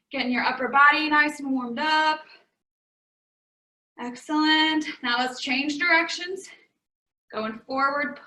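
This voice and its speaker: A woman's voice: high-pitched, bright, forceful tone. A young woman leading a home workout class, cheerfully coaching moves and counting down while slightly out of breath. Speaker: fitness instructor. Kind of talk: guided workout instruction. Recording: echoey room.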